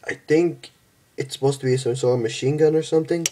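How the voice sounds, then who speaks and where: A young man casually reviewing and transforming a toy figure, halting and stumbling over his words, tired from just waking up. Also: mid-range voice, fairly even intonation, dark tone, slight background noise. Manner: halting, stumbles and restarts often.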